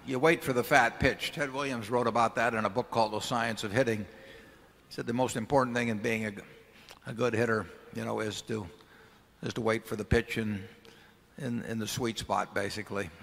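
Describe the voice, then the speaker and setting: A man's voice: medium pitch, vocal fry, fairly bright tone. An older man answering shareholder questions on a large arena stage at a table microphone, talking in a folksy, rambling way with many restarts. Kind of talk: casual conversational answers at a meeting. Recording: long hall reverb from arena PA.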